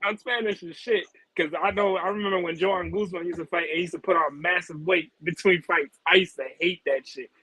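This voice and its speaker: A man's voice: high voice, fairly even intonation, fairly quick, few pauses, pushed and bright, husky, rough recording. A man chatting casually about boxing on a podcast, laid-back and slangy, laughing easily.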